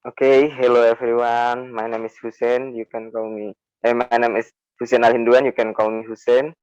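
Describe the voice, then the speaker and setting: Flat-voiced young man. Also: mid-range voice, normal speed, smooth, dry recording. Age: young adult. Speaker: student panelist. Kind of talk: brief self-introduction. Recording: dull dry lo-fi call audio.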